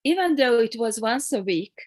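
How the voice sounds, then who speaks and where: A woman qigong teacher leading an online group class over a video call, explaining calmly with soft encouraging murmurs. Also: fairly high pitch, moderate pace, dry recording.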